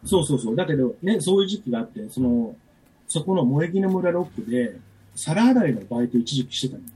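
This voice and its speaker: Husky storytelling man, lively pitch. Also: fast. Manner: rambling, many fillers and restarts. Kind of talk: casual chat, storytelling.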